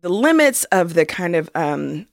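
A woman co-hosting a podcast, talking in an animated, opinionated and slangy way. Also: lowish voice, unhurried, gravelly, no echo, clean studio sound. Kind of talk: casual chat.

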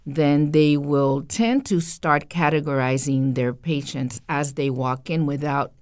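A middle-aged public health dean from Costa Rica answers a podcast interviewer's questions in a measured, thoughtful manner. Her voice sits low with a darkish tone.

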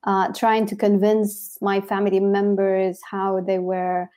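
A woman from Yemen, a blogger and journalist, telling her story in an animated interview with many restarts. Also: medium pitch, a little slow. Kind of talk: conversational interview.

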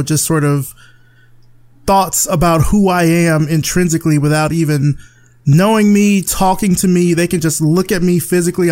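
A man from rural Alabama, a podcast guest speaking candidly in casual conversation, often restarting his sentences. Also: high-pitched. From rural Alabama, USA. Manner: candid, thoughtful, frequent restarts.

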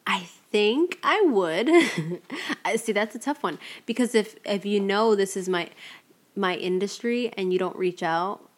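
A woman's voice: mid-range voice, expressive, unhurried. A young woman co-hosting a casual talk podcast, thoughtful, laughing often and repeating words as she thinks. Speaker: podcast co-host. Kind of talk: casual conversation.

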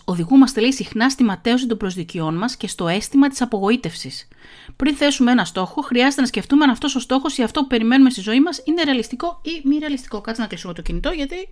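A middle-aged woman hosts a podcast, talking very fast in a slightly high voice as she chats casually and reads an article aloud. She is self-mocking and quick to laugh.

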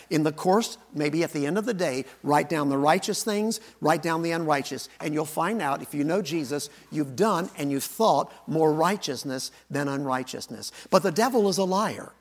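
A middle-aged male pastor preaching a sermon with animated, folksy stories. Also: on the high side. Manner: animated, folksy storytelling, acts out voices.

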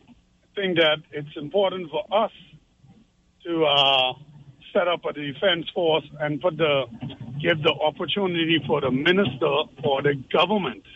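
A man's voice: a little high, a little slow, dull audio, slight background noise. A man, calling a radio show and making his points earnestly, with frequent repeats and tag questions like "all right?". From Turks and Caicos Islands. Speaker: radio caller. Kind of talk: call-in opinion.

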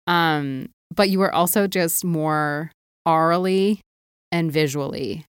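A woman co-hosting a podcast, chatting casually in an animated, joking way. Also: low voice, dry recording, clean studio sound. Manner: animated, swears, laughs often. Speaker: podcast co-host. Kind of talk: casual chat.

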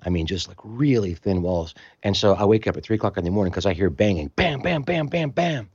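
Man, low voice, animated storyteller, casual chat, dry close sound. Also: fast, no echo, lo-fi sound. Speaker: storytelling guest musician.

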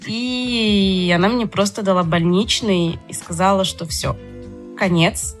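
A woman's voice: medium pitch, steady tone, measured pace, soft background music. A woman speaking as a podcast guest, telling her own story conversationally.

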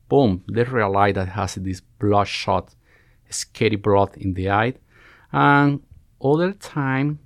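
Interviewed as a podcast guest, this family medicine resident from Cuba, a man in his forties, talks with a Cuban Spanish accent and frequently stops and starts again as he searches for the right word. His voice is fairly low and gravelly, captured with studio quality and no room sound.

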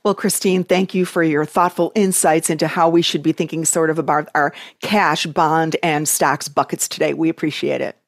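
A woman host speaks in a low voice with very little room sound. Her delivery is that of prepared interview questions and remarks. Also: fairly even intonation, normal speed, few pauses, no echo, clean studio sound.

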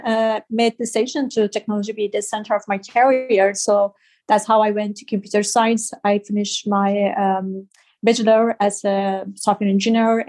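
A woman's voice: medium pitch, a little mellow. Afghan woman speaking hesitant English. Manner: hesitant, many fillers, non-native grammar. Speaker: guest, tech founder. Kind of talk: interview answers.

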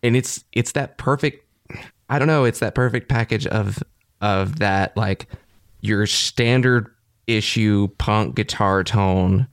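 A man co-hosting a podcast who talks with enthusiasm, often pausing to search for his words. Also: on the low side, no room sound, studio quality. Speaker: podcast co-host. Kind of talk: casual chat.

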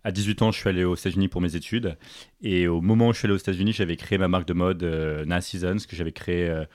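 Un jeune homme de Paris, invité d'un podcast, qui raconte son parcours sur un ton détendu, avec beaucoup d'hésitations et de reprises. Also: male voice, deep voice, very fast, no echo, clean studio sound. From Paris, France. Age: young adult. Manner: relaxed, full of fillers and restarts. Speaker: podcast guest, entrepreneur. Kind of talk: casual interview chat.

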